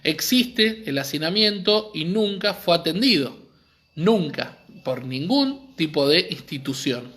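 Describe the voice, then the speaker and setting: A man's voice: on the high side, expressive, a little slow, fairly bright tone. A man with an Argentine accent giving an earnest, explanatory live-streamed talk, often checking in with his listeners. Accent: Argentine Spanish. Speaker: community library speaker.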